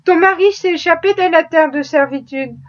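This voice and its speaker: Woman voicing a gentle old Quaker matron. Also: extremely high pitch, moderate pace. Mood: tender. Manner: soft and tender. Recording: muffled lo-fi audio.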